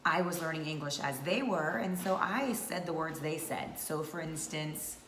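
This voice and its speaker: Low-voiced chatty woman vlogger. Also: moderate pace, fairly bright tone. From North Georgia, US. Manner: chatty, many fillers. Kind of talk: casual talk to camera. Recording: echoey room with faint noise.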